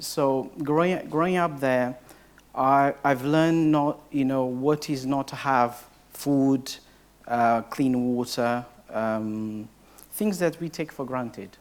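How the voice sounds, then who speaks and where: A young man shares his own story from the front of a room as a case study speaker. He speaks English as an at an ordinary middle pitch, stopping often on fillers and restarting his sentences. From Portugal. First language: Portuguese. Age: young adult. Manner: hesitant, heavy with filler sounds and restarts. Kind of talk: personal story told to a live audience.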